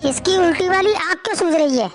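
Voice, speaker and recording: A woman's voice: very high-pitched, animated, a little fast, soft background music. A woman voicing an older father-in-law who lectures firmly and protects his daughter-in-law. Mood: stern. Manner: firm and lecturing.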